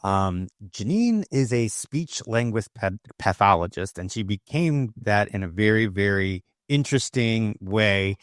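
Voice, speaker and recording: Animated low-voiced male podcast host. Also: no room sound, clean studio sound. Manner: friendly, animated questions with pitch jumps. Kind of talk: casual interview hosting.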